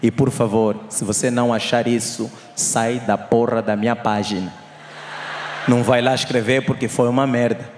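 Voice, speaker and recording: A young man with an Angolan Portuguese accent doing live stand-up, teasing the crowd loudly and shouting his punchlines. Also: mid-range voice, flat delivery, moderate pace, a little hiss or hum. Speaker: stand-up comedian. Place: live comedy show on stage. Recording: echoey hall with crowd.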